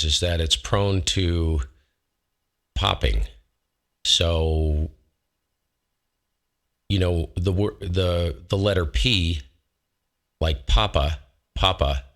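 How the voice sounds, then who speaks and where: On a close dynamic studio mic in his home shack, a man hosts a ham radio show, casually demoing a microphone. His voice is low and a touch bright, and his folksy manner wanders and self-corrects as he goes.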